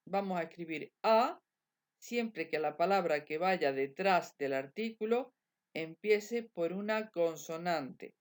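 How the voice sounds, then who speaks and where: A woman, teaching English grammar in a slow, repetitive bilingual lesson. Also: medium pitch. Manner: slow, repetitive drilling of examples.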